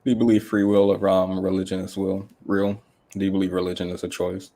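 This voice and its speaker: A man from the United States co-hosting a podcast, speaking deadpan in casual chat with many hesitant ums. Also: sits low, fairly quick. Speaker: podcast co-host. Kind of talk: casual chat reading super chats.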